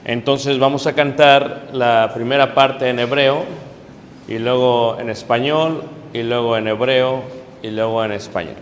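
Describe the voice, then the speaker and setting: A man's voice: medium pitch, fairly even intonation, measured pace, a little hiss or hum. Man teaching a Bible class in a hall. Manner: leads a class in call-and-response chanting and singing. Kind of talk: classroom teaching with sung practice.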